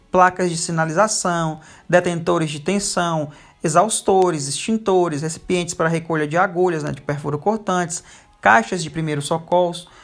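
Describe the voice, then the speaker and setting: A teacher giving a recorded lecture over slides, pausing often with fillers. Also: mid-range voice, a bit bright. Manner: frequent hesitation fillers.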